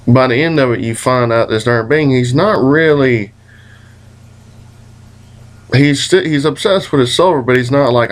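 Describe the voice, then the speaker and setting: A man casually rambling through a recounted dream in a hazy, puzzled way, groping for words, with folksy, mildly profane phrasing. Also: medium pitch. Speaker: vlogger.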